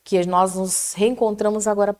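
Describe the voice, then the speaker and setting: Middle-aged Brazilian woman, lively storyteller sharing her faith, fervent and chatty. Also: mid-range voice, moderate pace. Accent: Brazilian Portuguese. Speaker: prayer group guest. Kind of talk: casual testimony chat.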